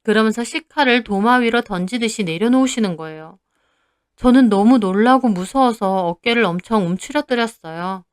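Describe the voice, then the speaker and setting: A woman's voice: on the high side, moderate pace, smooth, no echo, clean studio sound. A young woman narrating her own story in the first person, in a plain confessional way.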